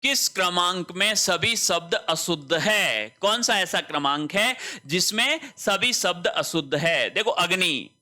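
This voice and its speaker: High-voiced, bright Hindi teacher. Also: male voice. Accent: Rajasthani. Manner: explains step by step with rhetorical questions. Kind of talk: exam-prep spelling lesson.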